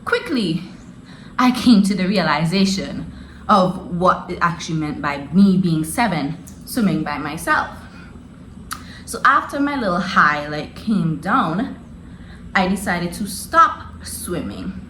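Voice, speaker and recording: A woman's voice: on the low side, animated, slow pace, fairly bright tone, echoey room, a little hiss or hum, rough recording. A young adult woman telling a story in a casual, slangy way and laughing often as she goes. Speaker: vlogger.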